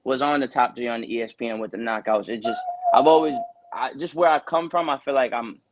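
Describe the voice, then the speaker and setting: A man's voice: mid-range voice, brisk, lo-fi sound, noisy background. A man in his twenties, a boxer from Connecticut, talking earnestly in a casual interview, rambling with lots of "you know" fillers. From Connecticut, USA.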